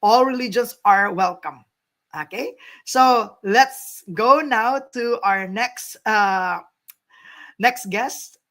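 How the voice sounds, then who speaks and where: A woman's voice: on the high side, takes it slowly, fairly bright tone. A woman hosting a casual livestream chat over a video call, encouraging her guests and repeating phrases for emphasis. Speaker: host.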